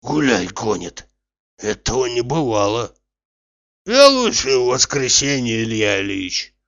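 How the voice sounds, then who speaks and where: A man voicing a lazy, stubborn old male servant who grumbles slowly. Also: medium pitch, sing-song, fairly bright tone. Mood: grumbling. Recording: dull, dry recording.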